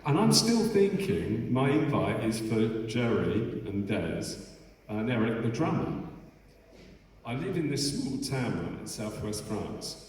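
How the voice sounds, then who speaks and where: A man's voice: medium pitch, big pitch swings, measured pace, a little mellow. A middle-aged man tells stories in a loose, rambling way, with restarts and frequent swearing. He sounds far off in a big, echoey festival hall with a long reverb. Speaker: bass player telling stories on stage. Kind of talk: casual onstage anecdote.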